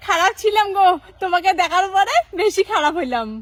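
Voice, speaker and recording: A woman playing a sharp-tongued wife in a comic sketch, saying cheeky threats in a sweet tone. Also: very high-pitched, expressive, a little fast, slight background noise. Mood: mock-sweet.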